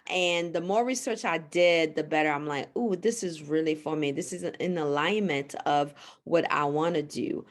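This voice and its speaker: A woman's voice: deep voice, moderate pace, hardly any pauses. A woman from Haiti, a naturopathic physician, answering interview questions in an earnest, explanatory way. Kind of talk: podcast interview.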